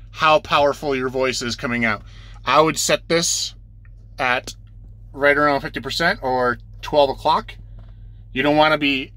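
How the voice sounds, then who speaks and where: A man with a mid-range voice that sounds pushed and bright gives an informal, off-the-cuff tutorial with no echo. As the instructor, he goes step by step in plain terms and repeats points for beginners.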